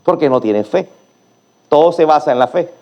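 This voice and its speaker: High-voiced emphatic male preacher. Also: expressive, moderate pace, highs cut off. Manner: emphatic preaching with rhetorical questions. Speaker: pastor. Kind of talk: sermon.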